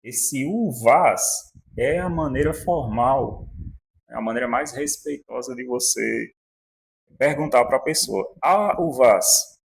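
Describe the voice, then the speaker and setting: Slow, gravelly Portuguese-speaking teacher. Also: male voice, mid-range voice, a little hiss or hum. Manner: slow and patient, with frequent "né?" checks. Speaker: language teacher. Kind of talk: explaining Russian letters and pronunciation.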